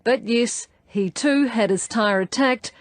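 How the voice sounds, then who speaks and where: A woman's voice: on the high side, a little slow. A woman presenting a news story in scripted narration.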